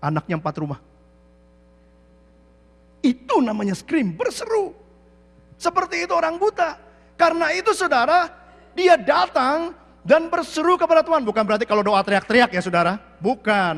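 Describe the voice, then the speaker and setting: Animated high-voiced male preacher. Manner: animated preaching, mixing in English phrases, acts out quotes and shouts. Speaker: pastor. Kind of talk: sermon. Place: church hall. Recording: echoey church hall.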